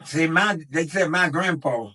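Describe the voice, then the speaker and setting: Spinning loose, wandering tales for his grandson, this man in his nineties keeps restarting sentences and saying words twice. He speaks unhurriedly in a higher-leaning voice that sounds pushed and bright.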